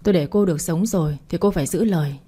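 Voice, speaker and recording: A woman's voice: lowish voice, fast talker, dark tone, husky. A woman voicing a cold, jealous young woman who talks in curt, sneering lines.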